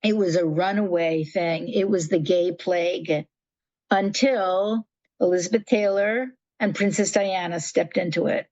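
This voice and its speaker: As a guest on a conversational interview, an older nonprofit founder tells lively stories, often starting sentences over and performing the quotes. She speaks in a lowish voice at an unhurried pace, and the lo-fi recording has no room sound.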